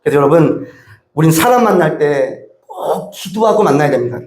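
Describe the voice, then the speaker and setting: A man's voice: fairly high pitch, lively intonation, moderate pace, darkish tone. A male pastor preaching a sermon in a church, speaking emphatically and asking the congregation many rhetorical questions. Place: church sanctuary. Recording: roomy church echo.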